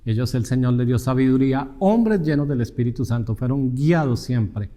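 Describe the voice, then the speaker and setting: A man's voice: mid-range voice, expressive, moderate pace, mellow. Man preaching in a reverberant hall. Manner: earnest teaching tone, rhetorical questions to the congregation. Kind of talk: sermon.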